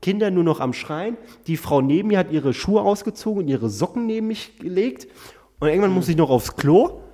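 A man telling a comic anecdote in an animated, exasperated way, breaking into frequent laughter. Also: high-pitched, fairly quick, long reverb tail.

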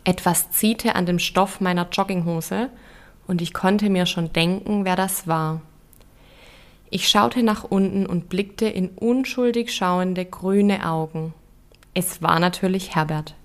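A woman in her thirties narrating a reflective first-person story in a calm, measured, introspective way. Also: lowish voice.

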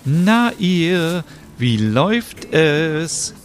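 A man doing a loud, cheery neighbor woman. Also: mid-range voice, lively intonation, soft background music, pitched above the performer's own voice. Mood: cheerful. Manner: loud drawn-out greetings. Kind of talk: voicing characters in a narrated story.

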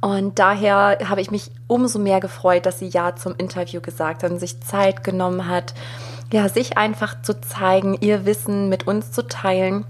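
Sex: woman. Role: podcast host. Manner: gentle, heartfelt. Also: medium pitch, level tone, moderate pace, a little hiss or hum. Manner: gentle, heartfelt, addresses the listener directly. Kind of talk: warm solo podcast intro.

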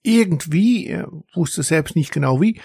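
A man reading a children's story aloud in an expressive storytelling manner. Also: on the high side, a little slow, gravelly, husky, no room sound, studio quality. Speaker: narrator.

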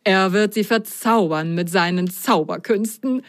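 A woman's voice: medium pitch, unhurried, lightly acted. Lady doing a proud circus announcer from a kids story, formal, drawn out.

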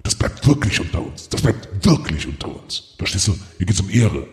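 A man playing a shady young customer who talks in slang, repeats himself and keeps pressing in a hushed, pushy way. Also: sits low, quick pace, long reverb tail, close to an everyday voice.

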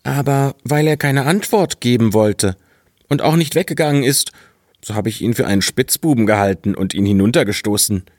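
A man's voice: mid-range voice, normal speed, a little mellow, no room sound, clean studio sound, voice pushed up, lightly acted. A man voicing a simple-minded, fearless young farm lad in a fairy-tale audiobook, naive and earnest. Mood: protesting innocence.

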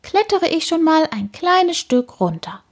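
A woman voicing an impatient, fussy woman in a children's story, with a high, exclaiming voice. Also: big pitch swings, a little slow, heavily acted. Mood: fretful.

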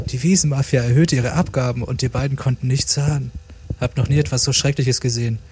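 A man's voice: medium pitch, fairly even intonation, fast, a little mellow, slight background noise, natural voice. A man doing a stoned, slangy bee. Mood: laid-back. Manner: slangy, drawling. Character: stoned laid-back male bee, slangy and dopey.

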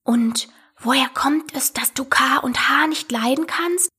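A woman's voice: high-pitched, sing-song, normal speed, fairly bright tone, voice pushed up. A woman voicing a curious, polite young girl who talks eagerly and earnestly.

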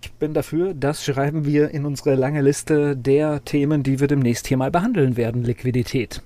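A man co-hosting a podcast, speaking in a measured, reflective way. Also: mid-range voice, fairly even intonation, dark tone. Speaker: podcast co-host. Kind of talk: casual podcast conversation.

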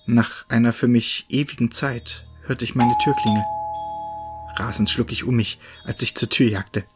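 A man narrating a first-person horror story in a measured, ominous storytelling voice. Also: mid-range voice, fairly even intonation. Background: faint music.

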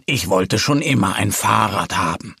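An eager little bear cub from a children's story, played by a man, speaking lower and more slowly than his narrating voice. The voice is soft and a bit husky, recorded dry and close. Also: expressive, no echo, full character voice. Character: small young male bear, eager and clumsy.

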